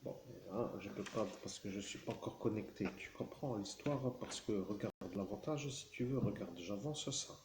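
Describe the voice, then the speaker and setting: A man's voice: on the low side, moderate pace, hardly any pauses. Guy rambling to his viewers, keeps checking in with you, roomy echoey sound. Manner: rambling, keeps addressing the listener with "tu vois"; meandering, with frequent fillers and self-corrections. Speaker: vlogger. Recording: roomy echo with faint background noise.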